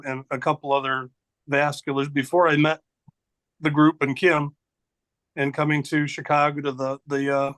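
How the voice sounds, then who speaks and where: Man group member, a bit high-pitched, dry sound, casual joking storytelling. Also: a bit bright, no room sound.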